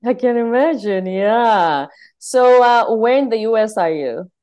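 A woman's voice: a little high, animated, unhurried, a little mellow, clear, resonant tone, dull audio. A woman presenting and interviewing as the host of a podcast.

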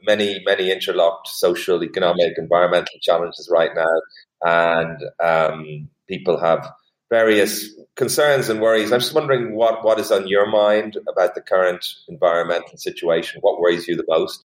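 Deep male interviewer with halting delivery. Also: steady tone, roomy sound, poor audio. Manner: halting, repeats words. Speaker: podcast interviewer. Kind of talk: unscripted interview questions.

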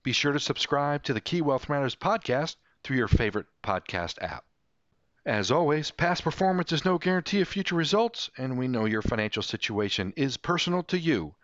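A man's voice: medium pitch, very animated, moderate pace, fairly bright tone, no echo. Male podcast host, dry close sound. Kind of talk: scripted podcast hosting. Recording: slightly dull, dry audio.

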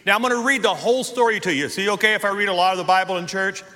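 A man preaching to his congregation, telling the story with lively energy and punching up the quoted lines. His voice sits high for a man and rings bright and forceful. The sound trails off in a long hall reverb. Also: rapid-fire. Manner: animated storytelling, acts out quotes. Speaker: pastor. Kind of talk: sermon.

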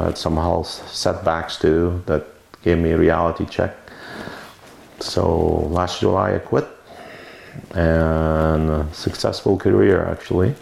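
In a roomy recording with faint noise, a Lebanese man speaks in a deep, gravelly, darkish voice. He is a winemaker being interviewed at a winery for an oral history, telling his story in a rambling way and correcting himself as he goes.

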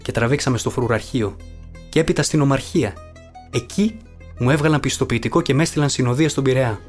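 A man narrating an audiobook in a measured storytelling manner over faint guitar music. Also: medium pitch, darkish tone. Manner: measured storytelling, voicing characters. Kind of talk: scripted narration of a book.

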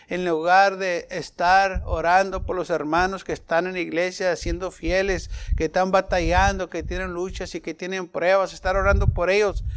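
A man preaching a sermon, asking his congregation questions and shifting between loud emphasis and softer passages. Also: high-pitched, clean tone. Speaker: pastor.

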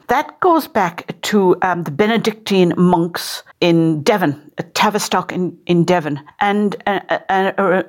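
A middle-aged woman explaining how to serve afternoon tea at home in a chatty, informal way, often repeating words as she searches for them. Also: on the low side.

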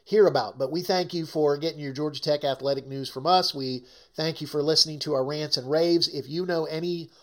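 A man's voice: a little high, fairly quick. A man co-hosting a sports talk show, talking emphatically and ranting about his team. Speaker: co-host.

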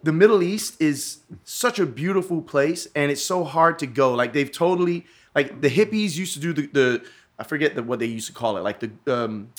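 A man's voice: fairly high pitch, moderate pace. A man in casual conversation, rambling through a story with lots of swearing and restarts. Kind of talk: casual chat.

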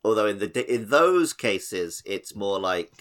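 A male podcast co-host with a lowish, fairly bright voice talks in a sing-song way at a measured pace. He rambles casually while explaining mythology and games.

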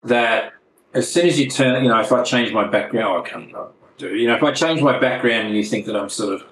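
A man's voice: mid-range voice, brisk, fairly bright tone, echoey room, slight background noise, rough recording. A man co-hosting a casual podcast, chatty and rambling, laughing often over a video call. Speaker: podcast co-host. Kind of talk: casual chat.

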